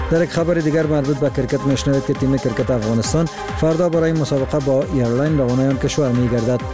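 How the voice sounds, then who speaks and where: A man with an Afghan accent reading scripted sports news. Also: medium pitch.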